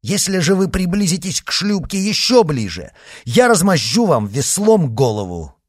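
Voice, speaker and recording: A man's voice: fairly high pitch, sing-song, normal speed, slightly rough, no room sound, studio quality, voice pushed up. A man voicing a desperate male villain who begs frantically for rescue. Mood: threatening. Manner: frantic, begging cries.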